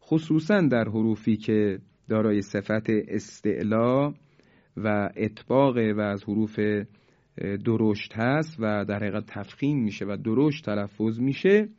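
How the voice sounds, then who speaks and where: A man teaching tajweed. He explains each rule quickly, then recites the examples slowly and drawn out. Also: lowish voice, dark tone. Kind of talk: tajweed lesson. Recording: dull lo-fi recording.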